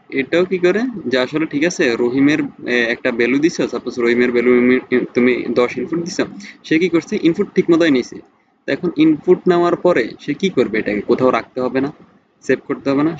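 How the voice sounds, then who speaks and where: A young man teaching programming in a casual tutorial, pausing often and checking in with rhetorical questions. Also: medium pitch. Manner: many hesitations, rhetorical questions, repeated "thik ache?". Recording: slightly dull sound with faint noise.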